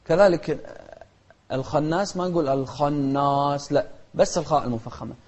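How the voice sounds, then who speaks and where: A man with a Gulf Arabic accent teaching children tajweed, explaining each rule and then chanting the verses slowly and melodically while contrasting right and wrong pronunciation. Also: on the high side, darkish tone. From Kuwait. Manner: corrects mispronunciations by contrast. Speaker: Quran recitation teacher.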